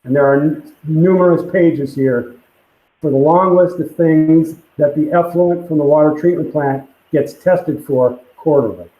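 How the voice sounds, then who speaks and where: A man presents technical figures on a conference call in a plain, halting way. His voice comes through muffled, as if through a pipe, with a roomy echo around it. The tone is dark and a little high for a man. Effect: muffled, as if talking through a pipe. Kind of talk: technical briefing reading from a permit. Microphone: computer mic on a call. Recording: echoey, muffled call audio.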